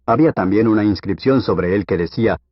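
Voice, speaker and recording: Low husky guy reading the bible aloud, steady pace, dull dry lo-fi sound. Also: brisk, dry recording. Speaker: Bible reader. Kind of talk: scripture audiobook reading.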